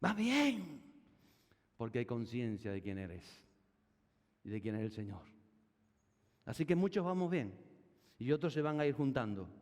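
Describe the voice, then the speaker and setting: A man preaching a sermon as pastor into a microphone, swinging between hushed low lines and loud calls to the congregation. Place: large church hall. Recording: long church hall reverb.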